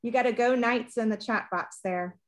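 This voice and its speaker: A middle-aged woman hosting a video-call webinar and introducing a guest speaker in a friendly, relaxed way. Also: fairly high pitch, normal speed. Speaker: webinar host.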